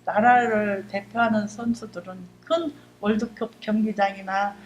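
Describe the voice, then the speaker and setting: A woman's voice: mid-range voice, steady tone, measured pace, highs cut off. A middle-aged woman, a church deaconess, giving an emotional, fervent testimony in a church service. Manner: emotional, fervent storytelling, acts out her own prayers. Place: church sanctuary. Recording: echoey church hall with faint hum.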